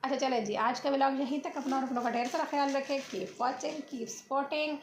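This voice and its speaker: A woman's voice: high voice, steady tone, normal speed. A woman from Pakistan with a Pakistani Urdu accent, a tired mother chatting and teasing in a casual family vlog at home. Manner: chatty and teasing, talks straight to her viewers. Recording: echoey room with faint noise.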